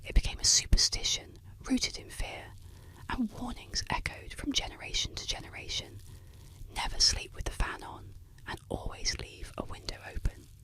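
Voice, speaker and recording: A narrator telling eerie legends in a breathy, unvoiced ASMR whisper, with scripted, suspenseful delivery. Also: normal speed, bright, forceful tone, poor audio.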